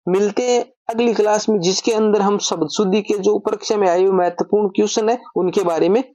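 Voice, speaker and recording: Woman teaching grammar, dark and dry. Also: medium pitch, fairly even intonation, a little fast, no echo. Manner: explains step by step, asks and answers her own questions. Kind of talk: online grammar lesson.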